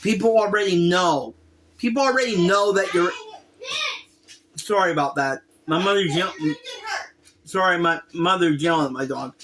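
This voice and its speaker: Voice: medium pitch, normal speed, pauses often, noisy background. A commentator on a casual opinion rant, speaking in an exasperated, emphatic way and repeating points for stress. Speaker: reaction video commentator.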